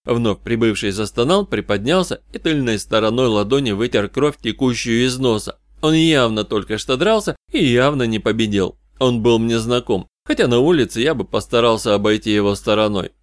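A man narrates a first-person detective tale in a measured, wry voice of middle pitch. His reading is even and unhurried. The studio sound is dry and close. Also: dry recording. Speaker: audiobook reader.

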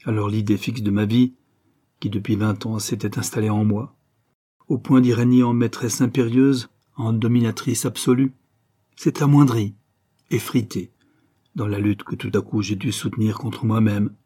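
A man's voice: lowish voice, fairly even intonation, moderate pace, warm tone, slightly rough. A man voicing a proud, grieving older countess, a mother torn over vengeance, in an impassioned declamatory reading. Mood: anguished. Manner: intense, emotional, declamatory. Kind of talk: audiobook reading.

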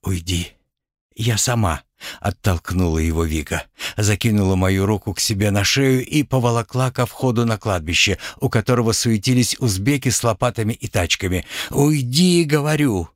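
A man narrating an audiobook in a steady first-person reading. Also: lowish voice, fairly quick, dry recording, clean studio sound.

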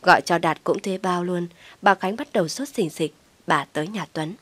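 A woman narrating a family drama story aloud, voicing all the characters herself with louder, more emotional quoted lines. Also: lowish voice, moderate pace, no echo. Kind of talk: scripted story reading with voiced dialogue.

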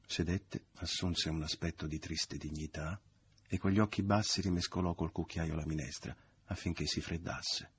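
Deep, husky male audiobook narrator. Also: steady tone, normal speed.

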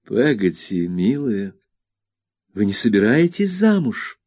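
Man doing a soft, gentle young mother. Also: lowish voice, very animated, takes it slowly, no room sound, clean studio sound, full character voice. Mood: tender. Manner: soft, quiet and tender. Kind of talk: audiobook character reading.

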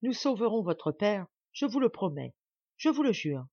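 Brief: woman narrator playing a fiery young aristocrat, lively exclaiming delivery, audiobook, dry lo-fi sound. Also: fairly low pitch, normal speed, slightly rough, no room sound. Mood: excited. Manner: ardent, rising exclamations. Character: young nobleman, impulsive and passionate.

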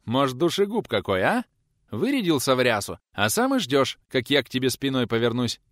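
A man voicing a gruff, sarcastic older male teacher who scolds bluntly. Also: fairly low pitch, sing-song, fairly quick, a bit bright, dry recording, studio quality. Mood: gruff scolding.

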